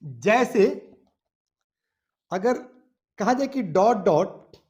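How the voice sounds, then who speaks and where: A male teacher speaks slowly and deliberately to his class, drawing out each sound and letter. His voice rises and falls a great deal as he calls on pupils and asks whether they have any problem. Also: high-pitched, expressive, a little mellow. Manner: calls students "beta" and checks "any problem?" after each point; spells out sounds and letters one by one. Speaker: English grammar teacher. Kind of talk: classroom lesson.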